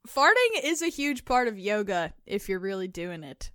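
A woman's voice: medium pitch, normal speed, dry recording, clean studio sound. A woman co-hosting a casual podcast, reading listener stories aloud with lots of laughter and a loose, chatty delivery. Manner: laughs often, animated reading, filler likes.

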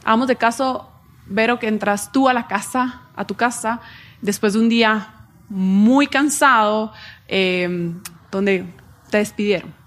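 A woman's voice: medium pitch, unhurried, a bit bright. A woman psychologist giving a talk at a live event, acting out little parenting examples as she explains. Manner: acts out parent and child voices in examples. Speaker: guest educational psychologist.

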